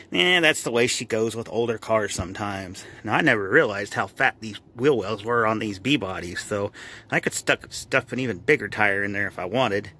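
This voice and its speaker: A man's voice: on the low side, sharp tone. A man, casually walking viewers through his car restoration in a garage, rambling and folksy.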